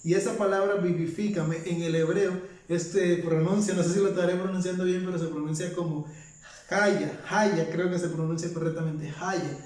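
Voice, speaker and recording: A man with a fairly high voice gives a casual Bible teaching for his vlog. He reads verses aloud one after another and keeps asking himself rhetorical questions. He sits back from the mic in a very echoey room. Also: little pitch movement, brisk, few pauses, dark tone, distant mic.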